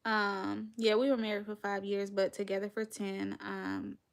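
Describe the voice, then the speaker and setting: Chatty Southern woman in her thirties, gravelly. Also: mid-range voice, measured pace. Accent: Southern US, North Carolina. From North Carolina. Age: 30s. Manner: chatty, addresses viewers as y'all, laughs often. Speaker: podcast host. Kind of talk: casual livestream chat.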